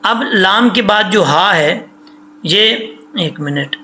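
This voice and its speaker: Bright high-voiced man teaching Quran recitation. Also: expressive, takes it slowly, slight background noise. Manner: breaks verses into syllables, stretches sounds to show length. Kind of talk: tajweed lesson, slow recited examples between explanations.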